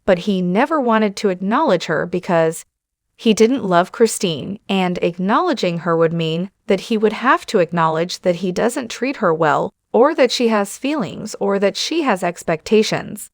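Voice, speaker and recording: A woman talks straight to her viewers in loose, opinionated commentary, padding her points with fillers. Her voice sits at a middling pitch. It is recorded dry and close, with no room sound. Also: lively intonation, moderate pace, no room sound. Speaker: channel host. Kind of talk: casual commentary.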